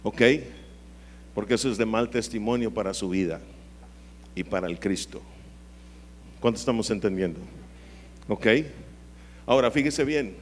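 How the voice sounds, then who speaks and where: A man, preaching a sermon and drawing answers from the congregation, at times rising into a high, pleading voice. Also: normal speed, pauses often, slight background noise. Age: 50s. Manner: call-and-response with the congregation; dramatic swings into high pleading voice. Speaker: pastor.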